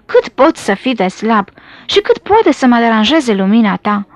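A woman's voice: on the high side, sing-song, dry recording. Woman voicing a cranky burrow snake. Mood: grumbling. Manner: irritable, scolding. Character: grumpy greedy male snake in a burrow.

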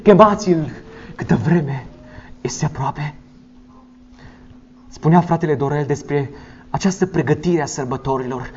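High-voiced man preaching with repetition. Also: breathy edge. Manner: rhetorical repetition, swings between loud urgent lines and low quiet ones. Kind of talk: sermon. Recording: slightly dull recording with faint background noise.

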